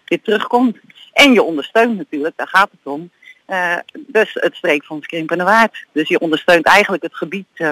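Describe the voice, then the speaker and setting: A woman's voice: lowish voice, a bit bright, no room sound, low-quality recording. A woman talking enthusiastically as a guest on a radio interview while out walking, with frequent hesitations. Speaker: guest from a regional fund. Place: outdoors, on a walk.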